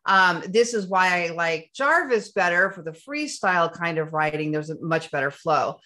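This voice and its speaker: A woman teaching SEO in a screen-share tutorial, talking enthusiastically and running short of breath from excitement. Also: fairly low pitch, normal speed. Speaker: SEO instructor.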